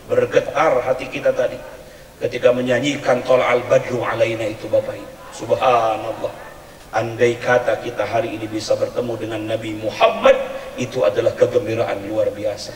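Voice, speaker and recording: A man preaching a sermon at a community religious gathering, speaking in an animated, humorous way and chanting verses in a sing-song tone. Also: mid-range voice, normal speed. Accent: Indonesian. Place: community event hall or tent. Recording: echoey hall, distant mic.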